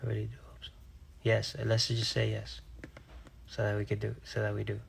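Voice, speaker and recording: A young man from Rhode Island, a singer, chatting casually on a live stream and reading viewers' questions aloud before answering them in a relaxed, offhand way. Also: on the low side, a little fast, creaky, breathy edge. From Rhode Island, USA.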